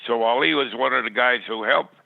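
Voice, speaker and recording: An older man reminisces as a podcast guest over a thin, tinny, band-limited phone line, plainspoken and rambling, often stammering and repeating words. His voice is medium in pitch with vocal fry and moves a little fast, with no room sound.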